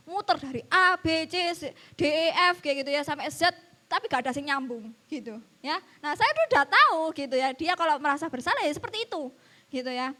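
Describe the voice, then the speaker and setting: A woman's voice: high voice, sharp tone. A woman preaching a church sermon, telling a personal story and addressing the congregation often. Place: church service.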